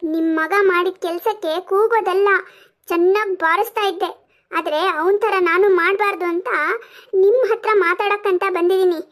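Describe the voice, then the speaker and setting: A haughty cartoon mother scolds and sneers with open scorn, as a woman plays her. Her voice is very high and sharp-edged. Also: steady tone, normal speed. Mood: scornful.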